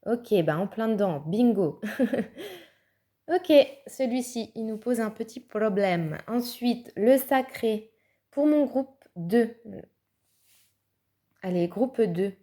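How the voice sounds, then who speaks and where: A fairly high-voiced woman chats her way through a tarot card reading. She thinks aloud as she goes, with fillers and small laughs, in a relaxed, casual way. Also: slow, pauses often. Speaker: tarot reader.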